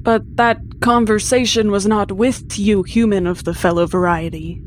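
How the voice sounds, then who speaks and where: A woman's voice: medium pitch, fairly even intonation, normal speed, slight background noise, lightly acted. A woman playing a robot crew member who stiffly pretends to be human, speaking in overly formal phrases in a comic sci-fi sketch.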